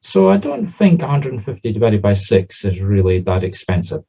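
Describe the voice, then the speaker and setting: A Scottish man with a Southern Scottish accent talks informally and explains things conversationally through examples. His voice is low and soft-edged, with a mellow, slightly husky tone. The recording is a little dull. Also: big pitch swings, moderate pace. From Scotland. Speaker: spiritualist medium and teacher.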